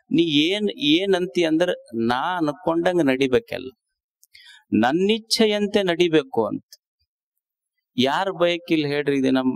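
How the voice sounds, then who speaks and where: A man with a North Karnataka Kannada accent giving a sermon as a swamiji, asking rhetorical questions and repeating his phrases. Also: a little high. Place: discourse series in a town.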